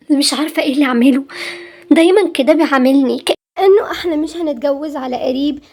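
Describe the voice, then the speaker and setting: A teenage girl voicing an anxious young bride-to-be with an Egyptian Arabic accent, in an amateur animated drama. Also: natural voice. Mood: worried. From Tunisia. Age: teen. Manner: high-pitched, emotional, insistent.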